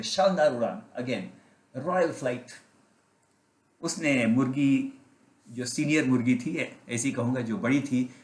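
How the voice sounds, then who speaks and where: A male pastor preaching a storytelling sermon, asking his listeners questions and slipping English phrases into his talk. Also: medium pitch. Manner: asks the congregation questions and mixes in English phrases. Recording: roomy, echoey sound.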